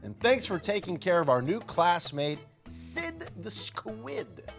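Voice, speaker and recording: A man plays a lady fish schoolteacher in a storybook. The delivery is slow and measured, patient but firm, with lively swings of pitch. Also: creaky, soft background music, exaggerated voice. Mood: approving. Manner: instructive, measured. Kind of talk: children's picture-book character voice.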